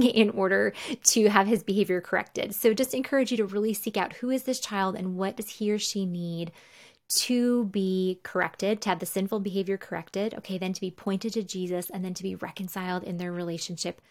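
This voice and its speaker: Earnest woman teaching about parenting. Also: mid-range voice. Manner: earnest, laughs often, says "okay" to move on. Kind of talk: casual teaching talk.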